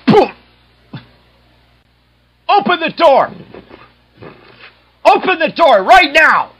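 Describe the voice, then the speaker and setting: A man voicing a hot-tempered cartoon duck working as a truant officer, squawking in a garbled duck voice and bursting into shouts and sobs. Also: high voice, wildly swooping pitch, slow, slightly rough, full character voice. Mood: angry. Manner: shouts and sobs in sudden outbursts. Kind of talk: fan-made cartoon voice dub.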